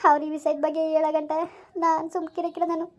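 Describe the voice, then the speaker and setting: A woman's voice: high voice, little pitch movement, fast, close to an everyday voice. A woman playing a wronged young village wife, pleading and tearful in a family drama. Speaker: daughter-in-law Sunita in a family skit.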